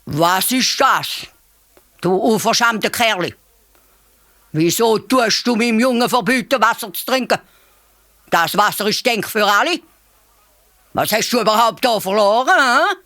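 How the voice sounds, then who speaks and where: A woman with a Swiss German accent voicing a big mother elephant who scolds loudly. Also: lowish voice, very animated, slow, long pauses, no room sound, clean studio sound, full character voice. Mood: indignant scolding. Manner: scolding, loud.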